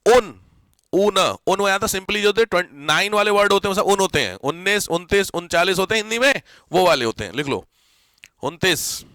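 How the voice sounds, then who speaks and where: A man with a high, bright voice teaches a grammar lesson to a class. He keeps asking whether everyone has understood and repeats key words slowly for dictation. The sound is close and dry. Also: lively intonation, no room sound. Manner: keeps checking if students follow, mixes English words into Hindi.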